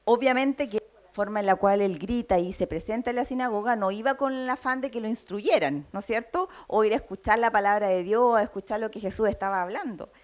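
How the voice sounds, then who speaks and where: Chilean lady giving a sermon, kinda high voice, keeps asking "right?". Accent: Chilean Spanish. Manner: teaching tone, frequent tag questions. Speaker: preacher.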